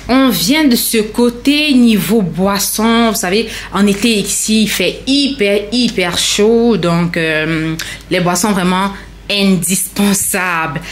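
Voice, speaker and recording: Talking directly to her audience, a woman casually walks through a grocery haul for her lifestyle vlog. Her voice is medium pitched and a bit bright, with slight background noise.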